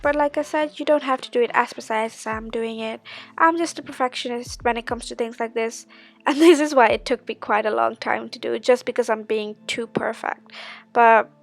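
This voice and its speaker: A woman's voice: fairly high pitch, brisk, creaky, soft background music. A woman giving a casual, chatty makeup tutorial, explaining step by step. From Sri Lanka.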